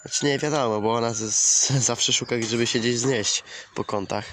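A man's voice: medium pitch, fairly even intonation, moderate pace, fairly bright tone. A man vlogging casually in his farmyard, chatting to viewers and coaxing and scolding his chickens, swearing now and then. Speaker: poultry keeper vlogger. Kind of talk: casual outdoor vlog. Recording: outdoor camera audio, clear farmyard noise. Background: clucking hens and a crowing rooster.

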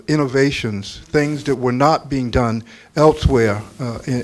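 A man's voice: medium pitch, a little hiss or hum. Older man, book author, panel talk, careful fillers, handheld mic, crowded room. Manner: deliberate, self-correcting speech with frequent fillers. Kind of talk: panel book talk answering audience questions. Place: large crowded room with audience. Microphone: handheld microphone.

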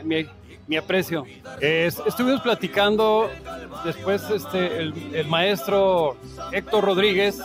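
An older man from Jalisco with a Mexican accent, a songwriter talking earnestly in a casual interview, full of restarts, seated outdoors in a garden. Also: high voice. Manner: earnest, halting with many restarts. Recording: music playing behind.

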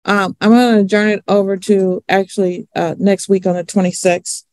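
A middle-aged woman presiding as judge over a court hearing on a video call, formal and firm, speaking haltingly. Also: mid-range voice, little pitch movement, a little mellow.

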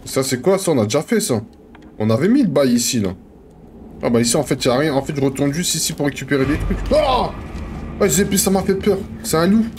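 A man does let's-play commentary, slangy and joking as he talks straight to his viewers. His voice sits somewhat high and swoops all over the place, jumping into excited yelps. A faint hiss hangs behind him. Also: fast talker. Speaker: gaming streamer.

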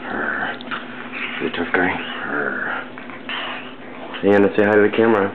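A man's voice: deep voice, unhurried. A man filming a home video with a camcorder, talking playfully and coaxing a child; the sound is old camcorder audio. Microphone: built-in camcorder mic. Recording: tinny lo-fi camcorder audio with hiss.

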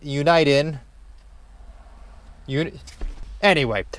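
A man with a medium-pitched voice vlogs casually while doing a car installation, in and around a car parked in a driveway. His hands-on commentary is dry and sarcastic, with the occasional swear word. The sound is clean, with no echo.

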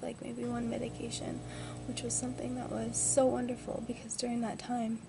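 A twenty-year-old woman vlogs casually from a hospital bed, lying indoors and speaking groggily and quietly into her device's built-in mic up close. Her voice is slightly high and gravelly, and the amateur webcam audio is noisy.

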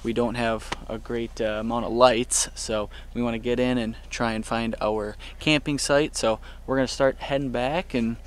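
A man's voice: medium pitch, steady tone, moderate pace, few pauses, a little hiss or hum. A young man talking upbeat and friendly to the camera from a campsite and a small tent, recorded on a camera mic. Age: young adult. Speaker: camping vlogger. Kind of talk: casual vlog to camera. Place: truck bed tent and campsite outdoors.

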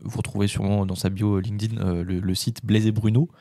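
A man's voice: fairly low pitch, little pitch movement, fairly quick, warm tone, no echo. A man, co-hosting a casual podcast and rambling with many filler words. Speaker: podcast co-host.

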